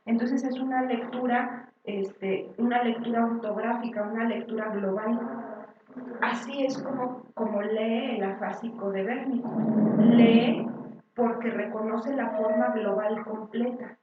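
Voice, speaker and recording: A woman teacher giving a classroom lecture, explaining step by step and often pausing on filler words. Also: fairly high pitch, steady tone, far from the mic, very noisy. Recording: echoey dull room recording from afar.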